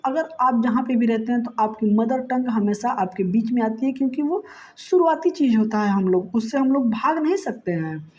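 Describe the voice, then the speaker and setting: Woman teacher with a mellow, muffled voice. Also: fairly high pitch. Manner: explains answers conversationally, repeats "ठीक है". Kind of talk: exam-prep lesson. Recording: dull lo-fi sound.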